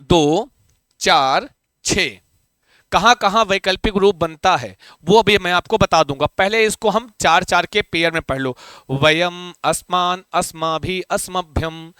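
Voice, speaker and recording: A man's voice: sits high, lively intonation, unhurried, sharp tone, clean tone, dry recording. A man teaching Sanskrit grammar in a live online class, chanting word forms aloud and coaxing students to answer, with playful mock threats. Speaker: Sanskrit teacher for exam prep.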